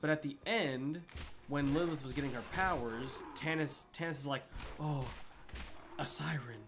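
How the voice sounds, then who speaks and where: A man's voice: fairly high pitch, moderate pace, noisy background. A young man chatting casually while gaming, rambling with many fillers and restarts. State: hiccups. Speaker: gaming streamer. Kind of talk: casual rambling review chat.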